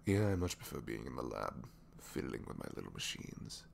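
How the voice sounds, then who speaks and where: Pitching his exaggerated voice extremely low, below his natural range, a man plays a reluctant supervillain inventor who's secretly kind, in a one-sided ASMR audio drama. The delivery is sing-song with vocal fry at a moderate pace, a little hiss or hum behind it. Weary and wry, he rambles hesitantly and self-deprecatingly, sighing, tacking on trailing tag questions and dipping into whispers.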